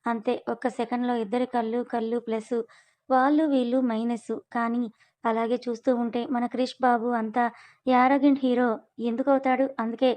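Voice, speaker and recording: A woman's voice: on the high side, flat delivery, normal speed, a little mellow. A woman narrating a story and voicing its characters, with chatty, affectionate asides to the listener.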